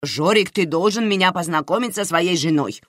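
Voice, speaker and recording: A woman reader voicing a loud, fussy, doting middle-aged aunt who exclaims and fusses over everyone. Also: on the low side, moderate pace, no room sound, studio quality, pitched above the performer's own voice, natural voice. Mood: effusive fussing. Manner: effusive, exclaiming, fussing.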